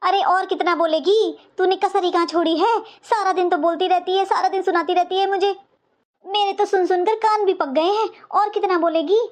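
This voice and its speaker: A woman voicing a sharp-tongued older mother-in-law in a cartoon, taunting and sarcastic in every line. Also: very high-pitched, steady tone, normal speed. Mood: sarcastic scolding. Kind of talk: cartoon voice acting.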